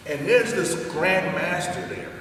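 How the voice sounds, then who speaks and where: A man, a former police officer and karate student, telling a lively story and acting out the voices of the people in it. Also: high voice, a little slow. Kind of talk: animated storytelling. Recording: echoey hall, distant mic, noisy.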